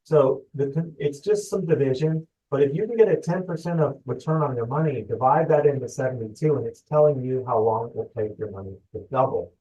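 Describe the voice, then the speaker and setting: A man giving a live financial webinar, talking fast and upbeat and asking himself his listeners' questions. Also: mid-range voice, dark tone, distant mic. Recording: dull, lo-fi webinar audio from off-mic.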